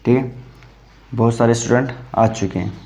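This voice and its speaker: A man's voice: mid-range voice, fairly even intonation, normal speed, mellow. A man teaching an English grammar class in Hindi, explaining step by step, calling his students "beta" and checking if they understood. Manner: explains step by step, asks "samajh mein aaya?"; calls students "beta", repeats "theek hai". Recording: dull lo-fi sound.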